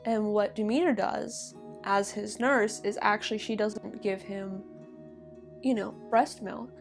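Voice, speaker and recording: A woman's voice: mid-range voice, measured pace, soft background music. A young woman casually retelling a myth to a friend, chatty and laughing, with many fillers. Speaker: podcast co-host retelling a myth. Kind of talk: casual storytelling chat.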